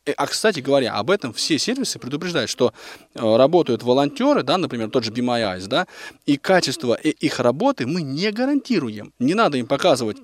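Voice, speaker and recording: A man's voice: mid-range voice, sing-song, fairly quick. A man co-hosting a live call-in show, explaining at length and pressing his points with probing questions. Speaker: radio co-host.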